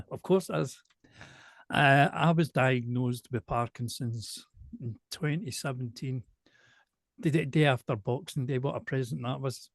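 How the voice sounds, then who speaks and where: Glaswegian man, softened accent, slow and deliberate delivery, dry close recording, mid pitch. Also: no room sound. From Glasgow, Scotland. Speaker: show presenter and singer, interviewee. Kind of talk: casual conversational interview.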